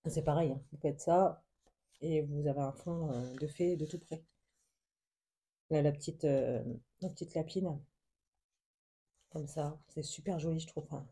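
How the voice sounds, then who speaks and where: A woman vlogger showing a book haul in casual show-and-tell, soft and hesitant, full of fillers and gushing over every little picture. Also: deep voice, fairly even intonation, measured pace, long pauses, husky. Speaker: craft vlogger.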